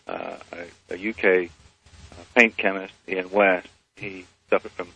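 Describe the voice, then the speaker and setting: A man's voice: low-pitched, steady tone, a little slow, creaky, pushed and bright, slightly rough, lo-fi sound. A man as a guest on a phone interview, speaking hesitantly with many fillers, his phone held away from his mouth so he sounds faint and distant.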